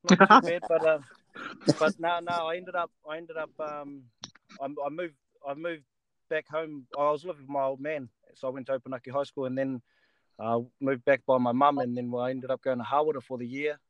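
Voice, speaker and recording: A man's voice: fairly high pitch, fairly even intonation, brisk, dry recording, dull audio. A man with a New Zealand accent chatting casually as a guest, laid-back and matey, often repeating his phrases. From Taranaki, New Zealand. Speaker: guest, rugby player. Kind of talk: casual chat.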